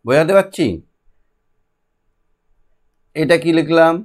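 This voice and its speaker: A middle-aged man teaches in a slightly raised voice. He walks learners through sounds step by step and repeats each one patiently. His delivery stays calm and steady. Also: a little high. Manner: patient, repeats and drills syllables slowly. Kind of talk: classroom lesson.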